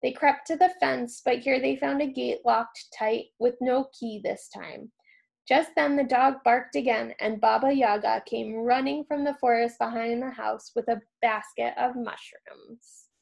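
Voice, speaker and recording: A woman reading a children's storybook aloud, telling it expressively as a childcare staff member. Her voice sits a bit high and carries a strong gravelly crackle. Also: steady tone, measured pace, a little mellow.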